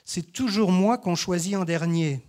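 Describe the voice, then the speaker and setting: A man's voice: high-pitched, unhurried, a little mellow, pitched above the performer's own voice. A man reading aloud the lines of a hurt young schoolboy who is always picked last.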